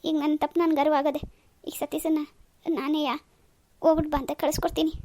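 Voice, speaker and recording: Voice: high-pitched, flat delivery, brisk, a little mellow, no echo. A voice actor playing a remorseful old mother-in-law in a cartoon, apologizing. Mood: humble. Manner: pleading, apologetic. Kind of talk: cartoon dub.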